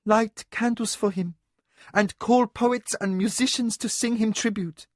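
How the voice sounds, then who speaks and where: A man voicing a noble ruling lady, commanding even in grief. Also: high voice, unhurried, no room sound, clean studio sound, voice pushed up. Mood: imperious grief. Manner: imperious.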